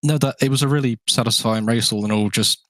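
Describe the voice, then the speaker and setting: A man's voice: medium pitch, fast talker, fairly bright tone, no echo. A man being interviewed after winning a race, speaking frankly and rambling off topic. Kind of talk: casual interview.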